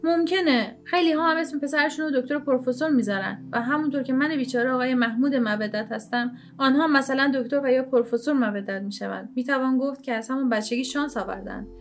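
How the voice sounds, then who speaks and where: A woman voicing a meek middle-aged man who speaks in a sighing, gently ironic way, in an audiobook reading. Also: sits high, hardly any pauses, faint music behind. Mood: mournful. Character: mournful meek middle-aged man with a self-pitying sigh.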